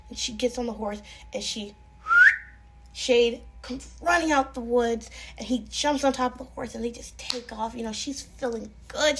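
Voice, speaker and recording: Sassy, animated young woman storyteller. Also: fairly high pitch, a little hiss or hum. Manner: sassy, animated and chatty with asides. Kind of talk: improvised oral storytelling.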